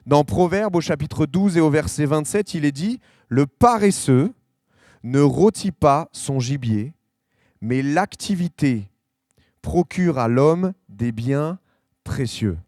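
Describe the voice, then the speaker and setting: A man preaching a sermon, talking to the congregation as tu and slowing to lean on each quoted verse. His voice sits on the high side for a man. The sound is dry and close, with little room echo. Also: a little mellow. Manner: conversational preaching, addresses listeners with tu, frequent restarts; slows and stresses scripture quotes. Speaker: pastor. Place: church hall.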